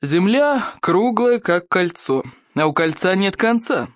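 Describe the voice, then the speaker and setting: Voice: mid-range voice, animated, normal speed, dry recording, studio quality, lightly acted. A reader voicing a hot-tempered, boastful Viking chief in an audiobook, roaring and then forcing himself to be patient. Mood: forcedly patient. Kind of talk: audiobook character voice.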